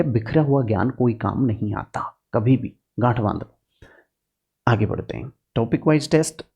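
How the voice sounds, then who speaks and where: Middle-aged guy teaching exam prep, mellow husky voice, very direct. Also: medium pitch. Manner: earnest, direct, uses rustic farm examples. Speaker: political science teacher. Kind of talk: exam strategy lecture.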